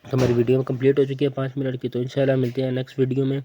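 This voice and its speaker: A man with a mellow, dark voice and a Pakistani Urdu accent leads a slow Quran reading lesson. He patiently spells out each letter and repeats words as a drill. His delivery is steady and methodical, like a classroom teacher. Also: mid-range voice, muffled recording, slight background noise.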